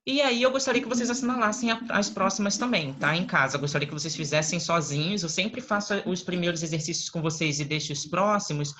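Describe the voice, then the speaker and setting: A man, an English teacher giving a recorded class, who explains patiently step by step and keeps checking in with quick question tags. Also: high-pitched, bright, forceful tone. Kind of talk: recorded online class lesson. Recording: slightly dull lo-fi recording.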